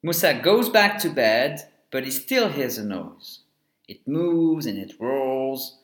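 Lively man reading a children's story. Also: mid-range voice, slow. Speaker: narrator. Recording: echoey room.

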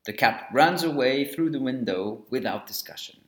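A male narrator reads a children's storybook aloud, his voice lifting and falling in a lively, sing-song way while staying mid-range and even at medium pitch. He keeps a moderate pace, and a noticeable roomy echo surrounds the recording.

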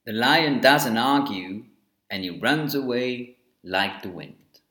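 A man's voice: medium pitch, slow. Guy reading a kids' bedtime story, voice goes up and down a lot, roomy echo. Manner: lively, expressive storytelling. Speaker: narrator. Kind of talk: children's storybook narration. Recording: echoey room.

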